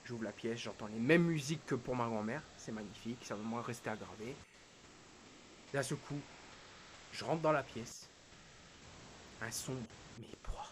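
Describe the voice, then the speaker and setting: A male streamer recounting a personal loss in halting, emotional storytelling, his voice dropping to a hush and then rising again. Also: medium pitch, poor audio. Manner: halting, quotes dialogue, swings between hushed and raised. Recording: hissy background noise.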